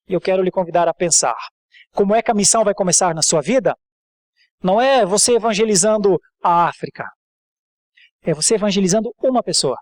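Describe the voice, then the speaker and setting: A man's voice: sits high, a little mellow, dry recording, clean studio sound. A man with a Brazilian accent speaking as a church leader, exhorting and introducing a guest, often repeating his phrases. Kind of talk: sermon and informal introduction.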